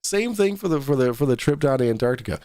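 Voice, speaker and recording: A man's voice: mid-range voice, lively intonation, quick pace, warm tone, no room sound. A man with a Boston accent hosting a talk show, joking and laughing through casual live-stream commentary.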